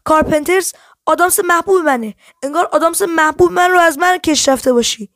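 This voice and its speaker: A woman's voice: very high-pitched, fairly bright tone, no echo, clean studio sound, voice pushed up. A woman reading the lines of a firm, stubborn young private detective who presses for answers. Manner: firm and insistent.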